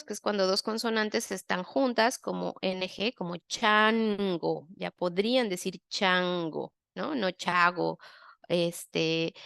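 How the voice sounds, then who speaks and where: A woman's voice: mid-range voice, creaky, fairly bright tone, clean tone, no echo, studio quality. A woman language therapist, giving a step-by-step masterclass and often checking in with her listeners. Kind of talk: explanatory masterclass.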